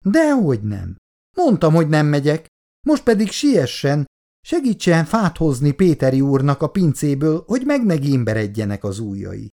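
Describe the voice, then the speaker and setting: A reader voicing a proud, touchy young woman who speaks in sharp, indignant lines in a storybook reading. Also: low-pitched, big pitch swings, voice pushed up. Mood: curt.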